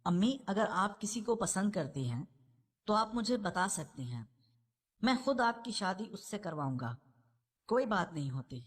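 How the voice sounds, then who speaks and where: A woman's voice: mid-range voice, big pitch swings, husky. A woman voicing a young man in a novel reading, an earnest son who presses his point. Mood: pleading.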